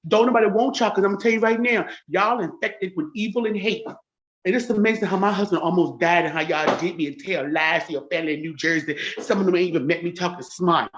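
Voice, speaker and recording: A woman's voice: lowish voice, fast talker. Woman in her 40s going off at someone on a livestream, boastful and taunting, keeps repeating herself, muffled lo-fi audio. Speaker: church livestream host. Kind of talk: confrontational video rant.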